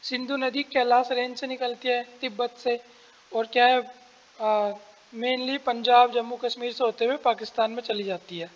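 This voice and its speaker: A man teaching an exam-prep lesson, explaining step by step, asking and answering his own questions and clearing his throat often. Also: extremely high pitch, steady tone, normal speed, long reverb tail, muffled recording.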